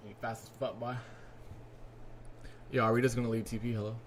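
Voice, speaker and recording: A man's voice: mid-range voice, level tone, a little fast, slight background noise. Laid-back joking male stream host. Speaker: livestream host and trader. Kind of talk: casual livestream chat.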